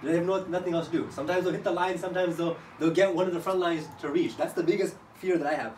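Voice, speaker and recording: Man, rapid speech, informal strategy talk, mid pitch, echoey room, off-mic. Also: steady tone, a little mellow. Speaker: team player. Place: echoey indoor room, locker room. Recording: echoey, distant mic, faint noise.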